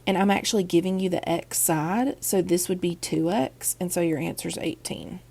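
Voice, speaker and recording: A woman's voice: on the low side, normal speed, warm tone. A woman teacher with a groggy voice from a cold, chatting through a math lesson with lots of ums and okays. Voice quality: gravelly, husky. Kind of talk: recorded online math lesson.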